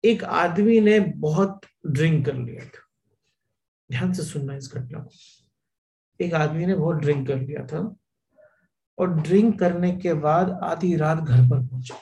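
A man giving a spiritual discourse on scripture, weaving a parable into his teaching. His voice sits a little high for a man. His pace moves between brisk stretches and slow, stressed phrases, and he drops English words into his speech. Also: vocal fry, dark tone, low-quality recording.

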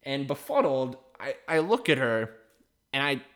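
A man's voice: medium pitch, big pitch swings, unhurried, a bit bright. A young man hosting a podcast, telling a story in a rambling, wry, profane way. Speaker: podcast host. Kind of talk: casual storytelling.

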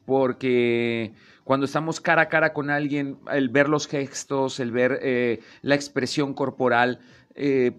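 A man's voice: mid-range voice, steady tone, unhurried, a bit bright. A man hosting a talk show. He chats casually and acts out the voices he quotes. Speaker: host.

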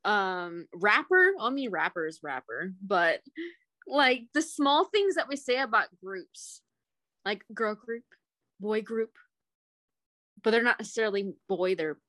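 A young woman co-hosting a podcast, chatting casually in an animated, giggly way with lots of fillers. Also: mid-range voice, a little slow, no room sound. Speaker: podcast co-host. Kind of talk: casual chat.

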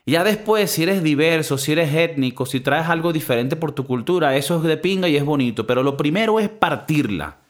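A man's voice: on the high side, a little fast, few pauses. A man with a Venezuelan Spanish accent, co-hosting a podcast in casual, slangy chat full of swearing. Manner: animated, slangy, swears freely. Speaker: podcast co-host.

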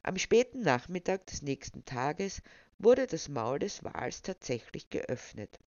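A storyteller reads a humorous tale aloud in a steady, wry manner. The recording is dull and lo-fi, with a dry, close sound and no room echo. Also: mid-range voice, unhurried.

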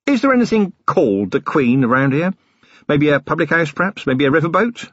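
Man doing an eager, dim-witted male prisoner for an audiobook; lively pitch, husky edge. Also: fairly quick, no room sound, highs cut off. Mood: eager, deferential. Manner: eager, rambling, repeatedly says sir. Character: dim, deferential working-class male prisoner.

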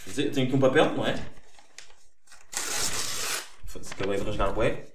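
A man's voice: fairly low pitch, normal speed, reverberant, noisy background. A young man with a European Portuguese accent hosting a casual solo podcast, rambling, correcting himself and swearing freely. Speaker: podcast host.

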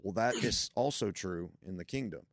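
A man's voice: low-pitched, moderate pace, dry recording. A young man, a guest on a church podcast, talking about faith in an emphatic, preacherly way that builds to strong points.

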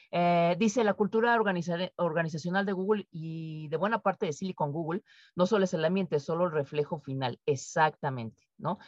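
A woman's voice: lowish voice, darkish tone, dry recording. A woman with a Mexican accent presenting a webinar, talking to participants, acting out quoted speech and asking tag questions. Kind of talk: interactive webinar talk. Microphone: video call. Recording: dull, dry video-call audio.

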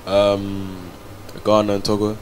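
Deep-voiced young south London guy. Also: monotone, slow pace, a little hiss or hum, low-quality recording. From Peckham and Croydon, south London, England. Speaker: interview guest. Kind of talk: casual interview chat.

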